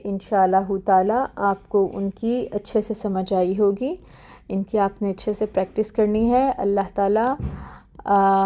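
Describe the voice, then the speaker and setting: A woman teaching Quran pronunciation in an online lesson. She explains quickly, then recites each example word slowly and more loudly, and often checks in with "theek hai". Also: mid-range voice.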